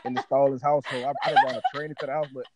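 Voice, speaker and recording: A man in casual chat reacting to dating questions, animated and slangy, often repeating and restarting his words. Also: medium pitch, racing, over a noisy crowd. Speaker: guest answering dating questions.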